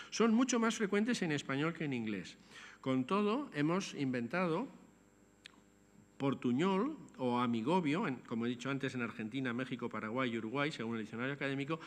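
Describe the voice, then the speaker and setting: An older man gives a measured, scholarly lecture, turning to the audience with asides. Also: a little high, a bit bright. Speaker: lecturer on language. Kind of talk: academic lecture. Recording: long hall reverb.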